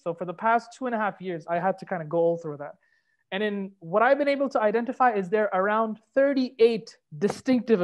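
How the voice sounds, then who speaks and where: A man from Kuwait giving a conversational guest lecture over a video call, explaining in a relaxed way and dropping in Arabic phrases. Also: high voice. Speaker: guest lecturer, assistant professor.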